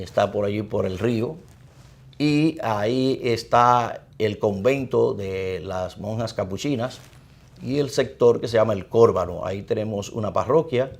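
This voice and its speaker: A middle-aged priest with a Dominican Spanish accent, speaking in a low voice with a gravelly, fry-laden edge. He talks through his life in a measured, reflective way, as a guest in an interview. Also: a little mellow. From Dominican Republic.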